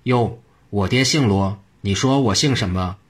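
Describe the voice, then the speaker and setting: A man's voice: lowish voice, unhurried, slightly rough. A man voicing a cheeky brothel woman posing as an imperial concubine in a told story. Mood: sassy. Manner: sassy and cheeky.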